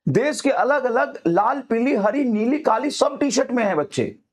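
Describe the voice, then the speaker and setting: High-pitched man, teacher, fiery motivational talk to students, hammers the same lines again and again. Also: expressive, moderate pace. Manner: fiery, repetitive exhortations.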